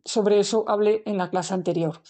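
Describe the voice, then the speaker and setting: A woman's voice: mid-range voice, steady tone, moderate pace, mellow. A woman, giving a spiritual lesson in a reflective way and thinking aloud with fillers and restarts. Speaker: spiritual teacher. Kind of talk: recorded lecture on the soul.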